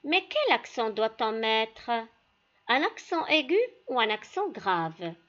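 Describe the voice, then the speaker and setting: A woman teacher walks pupils through a lesson at a slow, careful pace. Her voice sits a little high and moves through a wide, lively range of pitch. The recording is dull and lo-fi. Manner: slow, deliberate, addresses pupils directly. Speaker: primary school teacher. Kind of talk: classroom lesson.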